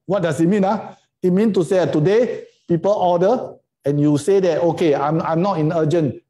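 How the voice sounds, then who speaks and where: A middle-aged Singaporean man with a high-pitched yet dark-toned voice delivers a casual online lecture over a video call from indoors. He speaks colloquial Singlish, emphatically, peppering his talk with rhetorical questions and tag words.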